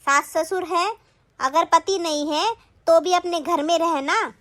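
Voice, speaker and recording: A woman voicing a domineering, sharp-tongued sister-in-law in a Hindi cartoon, taunting and scolding. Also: very high-pitched, unhurried. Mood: lecturing.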